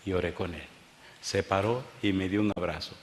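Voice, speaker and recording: A man preaching a sermon as a pastor, telling stories with bursts of excitement and hushed quiet moments before a live congregation. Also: low-pitched, normal speed. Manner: animated storyteller, swings from excited outbursts to hushed tones. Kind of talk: sermon with storytelling. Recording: echoey hall, faint background noise.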